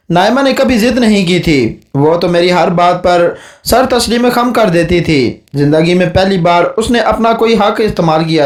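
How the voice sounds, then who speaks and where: A man narrating a horror story for an audiobook in a steady, dramatic reading style. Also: high-pitched, echoey room, far from the mic.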